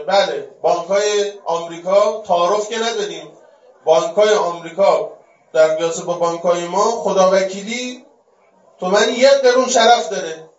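High-voiced man preaching in an echoey hall. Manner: rhetorical questions, swinging between loud and hushed. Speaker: religious speaker. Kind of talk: religious lecture. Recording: distant, echoey, dull-sounding.

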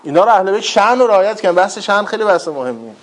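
A male preacher with a somewhat high voice delivers a religious talk. He tells stories briskly, throws in rhetorical questions and dry jokes, and moves between earnest points and playful asides. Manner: lively storyteller, rhetorical questions, wry humor.

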